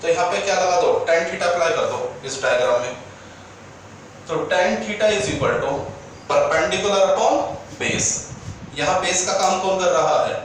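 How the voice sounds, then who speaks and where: High-voiced physics teacher, echoey room. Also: male voice, unhurried, far from the mic, a little hiss or hum. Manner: coaxing, keeps asking if students follow, calls them dear children. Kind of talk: classroom lecture.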